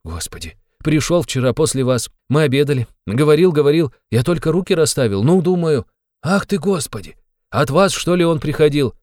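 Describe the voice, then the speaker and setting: A man's voice: on the high side, big pitch swings, normal speed, darkish tone, no echo, clean studio sound. A man voicing a sly, fussy middle-aged male investigator who talks in a wheedling, fawning way with sly asides.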